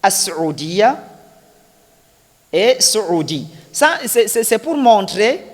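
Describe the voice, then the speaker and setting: A man's voice: high-pitched, big pitch swings, slow. Patient male Arabic teacher in a reverberant hall. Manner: patient, repeats examples and quizzes the class. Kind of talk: classroom lesson explaining grammar.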